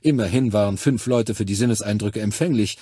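A man voicing a composed male army medic who explains findings in a clinical, matter-of-fact way, with a low, husky voice. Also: a little fast, warm tone, dry recording, clean studio sound.

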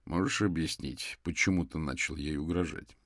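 A man's voice: extremely low pitch, normal speed, fairly bright tone, no room sound, clean studio sound. A man voicing a tired, stern male detective who speaks curtly and impatiently. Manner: curt, impatient commands.

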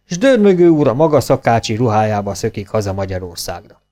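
A man's voice: on the low side, very animated, mellow. A man voicing an eager, scheming male helper in a storybook, talking in an urgent, conspiring way.

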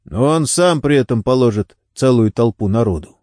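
A man's voice: medium pitch, expressive, normal speed, dark tone, dry recording, studio quality, lightly acted. A man doing a weary, resigned suspect.

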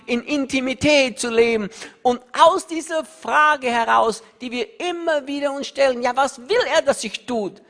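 A man preaching in a large reverberant hall, his voice ringing with a long echo and now and then drifting away from the mic. He preaches with raw feeling, often close to tears and quick to laugh, shifting from loud emphasis to hushed asides. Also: very high-pitched. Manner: emotional, tearful, laughs often, wide swings between loud emphasis and soft asides. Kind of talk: sermon.

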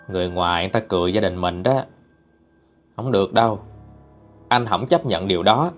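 A man narrating a first-person ghost story in a plain, mournful way. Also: medium pitch. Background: faint music.

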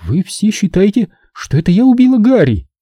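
A man voicing a frightened young woman in an audiobook, speaking quietly and pleadingly. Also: high voice, very animated, a little fast, no echo, clean studio sound, voice pushed up. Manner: quiet, barely audible, pleading.

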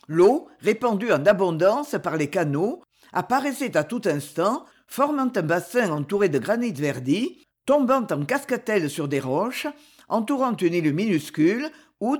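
A woman narrating a classic novel as an audiobook, with an expressive, flowing literary reading. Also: on the low side, slightly rough.

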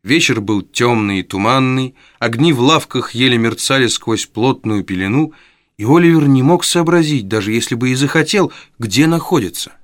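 A man reads a story aloud with measured, dramatic delivery. His voice sits in a middle pitch. The recording is close and dry. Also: lively intonation, no room sound. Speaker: narrator. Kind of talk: audiobook narration.

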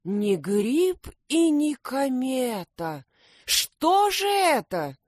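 A woman's voice: a little high, expressive, slow pace, dry recording, studio quality, voice pushed up. A woman voicing a fussy, tearful little male hedgehog who whines and complains. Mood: whiny. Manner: whiny, complaining.

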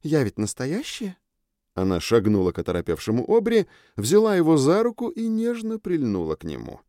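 Выразительный мужчина-рассказчик аудиокниги. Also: male voice, fairly high pitch, wildly swooping pitch, a little fast, warm tone, no room sound, clean studio sound. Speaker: audiobook narrator. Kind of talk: first-person audiobook narration.

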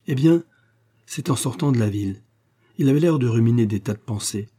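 A man voicing an eager, lively young man from the city, wounded and bedridden, in an audiobook. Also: mid-range voice, fairly quick, breathy edge. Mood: urgent.

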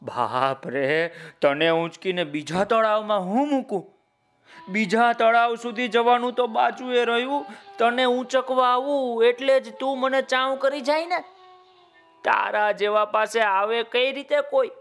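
A man's voice: very high-pitched, a little slow, a bit bright, soft background music, voice pushed up, heavily acted. A man voicing a frightened village farmer in a children's story, nervously refusing a crocodile. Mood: wary. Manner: nervous, refusing, protective of family.

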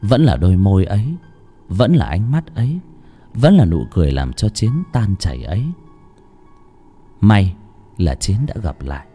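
A man narrates an audiobook in a low, warm voice. His delivery is lively and expressive, rising and falling as he tells the story, with faint music playing underneath. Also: moderate pace, long pauses, slightly rough. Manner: expressive, voicing each character. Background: faint background music.

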